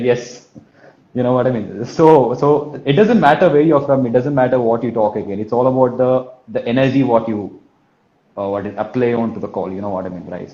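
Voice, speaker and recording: A man's voice: medium pitch, dark tone. A man from Kerala with a Malayali Indian English accent, coaching informally like a telesales trainer, repeating himself for emphasis and often tagging sentences with checking questions. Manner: emphatic repetition, frequent 'right?' and 'you know what I mean?' tags. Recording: roomy echo, dull muffled sound.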